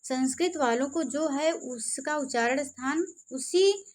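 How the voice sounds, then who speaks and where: A woman with a Hindi accent teaching Sanskrit grammar in a lecture, explaining slowly, repeating rules and sounding out letters as examples. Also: high voice, a little mellow, a little hiss or hum. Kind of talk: classroom lecture.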